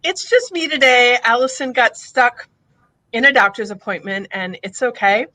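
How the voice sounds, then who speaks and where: A woman's voice: fairly high pitch, moderate pace, sharp tone, no echo, rough recording. A woman hosting a live podcast, enthusiastic and chatty, with lots of "like" fillers. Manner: enthusiastic, filler-heavy, says "like" often. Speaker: podcast host.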